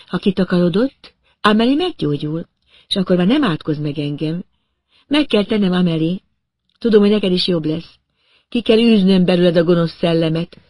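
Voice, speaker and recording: Guy doing a crazed obsessive young woman in an audiobook, higher and pushier than his own voice. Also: a little mellow, no echo. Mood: fixated. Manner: feverish, fixated, menacing. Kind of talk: audiobook reading.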